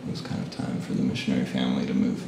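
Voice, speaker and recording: A Japanese guest photographer in his late thirties speaks in a rapid-fire bass during a casual interview, his answers soft, trailing, and hesitant, with a gravelly fry. The mic sits some distance away in a big echoey room, and a steady hiss runs underneath.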